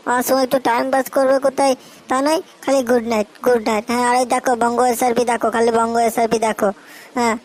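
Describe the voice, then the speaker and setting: A woman's voice: sits high, darkish tone, natural voice, poor audio. A woman voicing a lovesick young boyfriend who pleads, sulks and laments melodramatically in a comedy sketch. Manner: pleading, self-pitying, dramatic laments.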